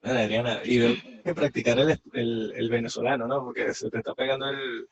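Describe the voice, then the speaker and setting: A man with a gravelly, middle-pitched voice hosts an interview. He speaks courteously and offers his guest thanks and good wishes. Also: fairly even intonation, brisk, muffled recording. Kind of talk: interview host.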